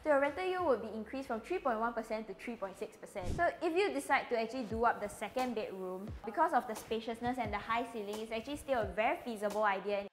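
Property tour presenter: young woman, Singaporean accent, higher voice, brisk scripted delivery over soft background music. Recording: light music bed behind voice.

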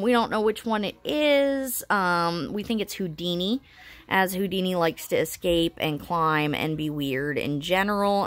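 A woman's voice: mid-range voice, fairly bright tone, dry recording. A woman with a slightly wheezy voice, getting over pneumonia, casually narrating a home pet vlog. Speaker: home vlogger. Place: indoors at home.

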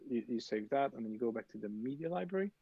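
A man's voice: mid-range voice, lively intonation, quick pace, vocal fry, a crowd in the background. Hesitant man explaining over a dull line. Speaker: guest developer advocate. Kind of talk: casual technical explanation.

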